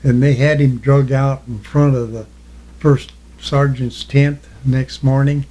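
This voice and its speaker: An elderly man, a war veteran, remembering his service in an interview, halting as he recalls and answering in short, plain phrases. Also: mid-range voice, level tone, warm tone, rough recording. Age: elderly, 80s or older. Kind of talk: reminiscing in an oral history interview.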